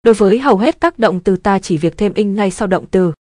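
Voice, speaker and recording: Woman teacher, mellow tone, dry close sound, measured scripted delivery. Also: mid-range voice, no room sound. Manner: even, measured explaining. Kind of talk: scripted grammar lesson narration.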